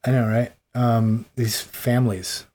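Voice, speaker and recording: A man's voice: medium pitch, flat delivery, measured pace, dark tone. A man co-hosting a podcast in casual chat, joking, rambling and often laughing. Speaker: podcast co-host.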